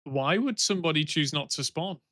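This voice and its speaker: A man's voice: a little high, fairly quick, bright, forceful tone. A man co-hosting a game stream, casually reading chat and chatting along. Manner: reads chat messages aloud, easygoing. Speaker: stream co-host.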